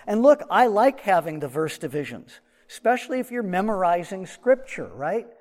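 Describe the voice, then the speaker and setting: High-voiced man, muffled from a pocket. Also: big pitch swings, moderate pace, darkish tone, in a large hall. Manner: conversational, explaining with asides. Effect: muffled, recorded from a shirt pocket. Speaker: Bible teacher. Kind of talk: verse-by-verse Bible teaching.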